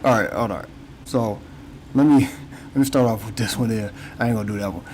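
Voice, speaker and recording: A man's voice: lowish voice, a little fast, a little mellow, a little hiss or hum, low-quality recording. Rambling casual podcast host, a man. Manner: rambling, repeats words, frequent "you know what I'm saying". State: yawning, tired. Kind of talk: casual chat.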